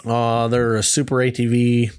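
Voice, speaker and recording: A man's voice: mid-range voice, monotone, moderate pace, clear, resonant tone, no room sound, studio quality. A man in casual chat over an online voice call, his voice cutting in and out. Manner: loose, rambling, with casual swearing. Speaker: guest building a race golf cart.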